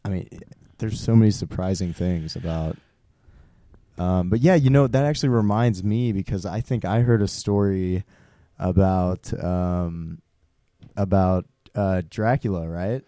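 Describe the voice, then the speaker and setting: Deep, dark-voiced man, hesitant and halting. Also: dry recording, studio quality. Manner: hesitant, halting, playing along dryly. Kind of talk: casual comedic chat.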